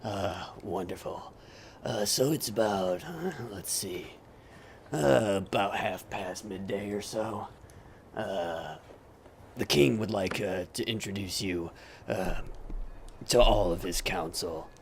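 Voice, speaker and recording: A man voicing a courtly male high arcanist who speaks politely and haltingly, with fillers. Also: vocal fry, a little hiss or hum. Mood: courteous.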